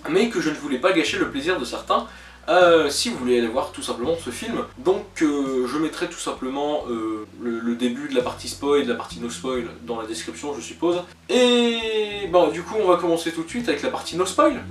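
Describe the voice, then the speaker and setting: A man's voice: on the high side, brisk, distant mic. A man giving a casual spoken film review as a channel host, full of "euh" fillers, restarts and joking asides. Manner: hesitant, many "euh" fillers and self-corrections. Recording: roomy echo, voice a bit off-mic, faint music behind.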